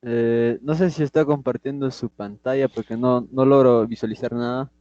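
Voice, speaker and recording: A man's voice: medium pitch, fairly even intonation, normal speed, dark tone, dry recording, dull audio. A male student politely asking his teacher something on a video call. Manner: polite, apologetic.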